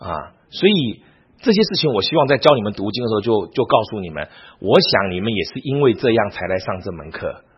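A husky-voiced man leads a Bible class like a sermon, his pitch rising and falling with lively emphasis. He keeps checking in with rhetorical questions to the room. The recording is dull and lo-fi. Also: a little fast. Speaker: Bible teacher. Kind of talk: teaching sermon.

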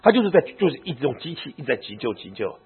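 A man who is a pastor, telling a personal story in a sermon in an animated, emotional way. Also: mid-range voice, very fast, breathy edge. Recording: narrow phone-like audio.

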